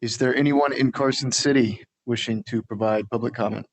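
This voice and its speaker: Quick-talking staff man calling public comment, businesslike meeting procedure. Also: medium pitch, fairly even intonation. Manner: brisk, businesslike.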